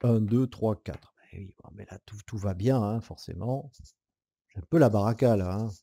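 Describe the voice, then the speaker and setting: A man's voice: lowish voice, moderate pace, vocal fry, no room sound. A man playing a board game alone and explaining the rules as he goes, thinking aloud, counting dice and weighing his moves in a casual way. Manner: casual, with hesitant fillers and soft laughs. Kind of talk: solo board game playthrough tutorial.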